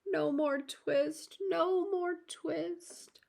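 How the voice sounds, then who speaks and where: A woman's voice: very high voice, fairly even intonation, very slow, gravelly, a little mellow, pitched above the performer's own voice, exaggerated voice. A woman reading aloud, voicing a poor, ill old male tailor who frets and pleads. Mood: feverish mumbling.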